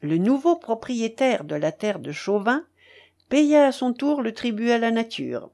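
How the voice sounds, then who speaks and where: A woman narrating a classic novel in a measured, steady audiobook voice. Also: a little high.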